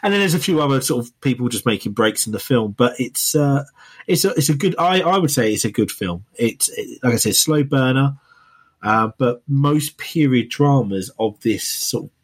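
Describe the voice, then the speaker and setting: A man's voice: medium pitch, lively intonation, normal speed, breathy edge. A man, hosting a podcast and reviewing a film in rambling casual chat full of fillers. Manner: rambling, many fillers and restarts. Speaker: podcast co-host reviewing films.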